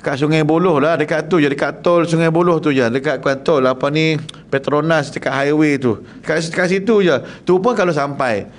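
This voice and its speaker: A man with a Malaysian Malay accent teaching Quran recitation to a class in a prayer hall, lively and jokey, quizzing his listeners and demonstrating Arabic sounds. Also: a little high, a little fast, few pauses.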